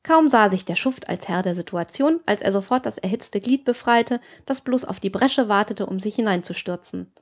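A woman narrating an audiobook in a calm, even reading voice. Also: mid-range voice, normal speed, few pauses. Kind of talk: scripted narration.

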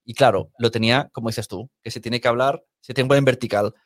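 Man, casual podcast chat, anecdotal, middle pitch, dry close sound. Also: fairly even intonation, fast talker, no room sound. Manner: anecdotal, laughs often, quotes people in his stories. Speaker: podcast teacher and host.

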